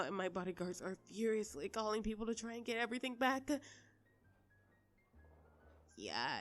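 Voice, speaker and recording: In an intimate audio roleplay, a woman plays a polite, flustered pop star who wants privacy, speaking haltingly and conversationally. Her mid-range voice is a bit bright, with some vocal fry.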